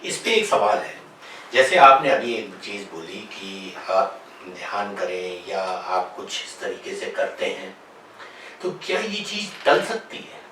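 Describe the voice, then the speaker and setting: A man's voice: low-pitched, big pitch swings, slow pace, bright, forceful tone. A man interviewing a guest and putting questions to him in a conversational way. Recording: very echoey room, voice far from mic, faint noise.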